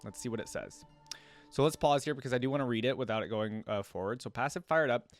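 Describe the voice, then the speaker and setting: This man hosts a reaction video, commenting casually, reading on-screen text aloud and speaking straight to his viewers in a conversational manner. His voice is medium-pitched and quick. The recording is dry and clean, studio-like, with faint music in the background.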